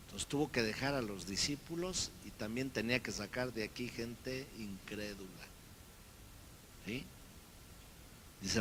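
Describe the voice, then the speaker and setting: A man preaching from the pulpit with a bright, forceful tone. He talks to the congregation in a lively way and slips into the voices of the people he quotes. A faint rumble sits in the background. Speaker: pastor. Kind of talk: sermon.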